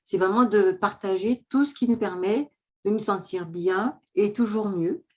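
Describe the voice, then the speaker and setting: A woman's voice: mid-range voice, measured pace. A woman coach hosting an interview over a video call, chatty and full of fillers. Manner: chatty, warm welcome, frequent fillers. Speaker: host and coach.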